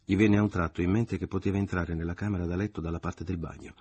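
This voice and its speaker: A man narrating a literary novel in steady audiobook reading. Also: low-pitched, fast, husky.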